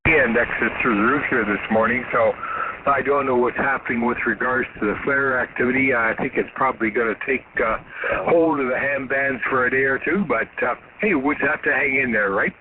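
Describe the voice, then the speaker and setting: A man with a morning-rough voice checking into a ham radio net, friendly and rambling. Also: medium pitch, brisk. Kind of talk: casual radio chat. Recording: tinny radio audio with noise.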